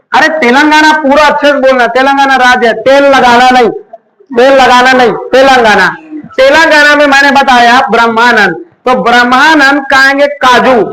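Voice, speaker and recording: A man lectures a class in a loud, call-and-response style, firing questions at his students. His voice sits very high and rings bright and forceful. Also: rough recording. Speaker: teacher. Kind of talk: classroom lecture with memory tricks.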